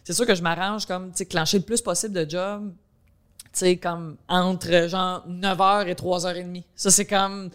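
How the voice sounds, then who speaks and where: A woman's voice: fairly low pitch, steady tone, normal speed, smooth. A woman in her thirties with a rural Quebec French accent, a comedian chatting loosely as a podcast guest, full of fillers. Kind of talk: casual chat.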